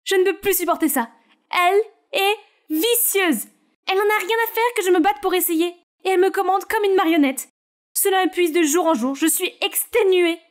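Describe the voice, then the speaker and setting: A woman's voice: extremely high pitch, moderate pace, pitched above the performer's own voice. A woman doing a worn-out, complaining teen girl. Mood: exhausted. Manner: complaining and exasperated. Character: weary teenage girl pushed into fame. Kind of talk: storybook character voice.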